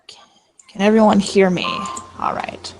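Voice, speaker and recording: Gravelly voice, casual live weather commentary, mutters under breath, faint noise. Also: mid-range voice, flat delivery, normal speed, darkish tone, poor audio. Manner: casual, laughs often, talks to self under breath. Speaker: storm stream co-host.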